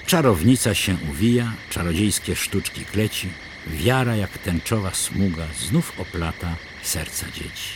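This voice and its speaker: A man's voice: low voice, expressive, unhurried, few pauses, background noise. A man narrating a rhymed children's story with a rhythmic, sing-song delivery.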